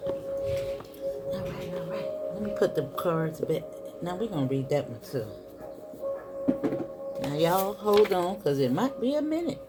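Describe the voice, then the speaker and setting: A woman's voice: fairly low pitch, sing-song, moderate pace, pauses often. A woman doing a casual spiritual card reading, chatting to her viewers and calling them y'all. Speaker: tarot reader. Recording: soft music in the background.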